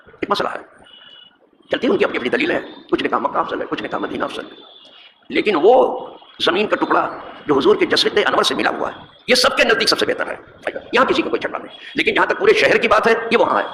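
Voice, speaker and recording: A middle-aged man, a mosque imam, giving a hadith lesson with animated rhetorical questions and recited verse. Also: a little high. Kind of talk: religious lesson talk. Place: mosque hall. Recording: echoey hall with background noise.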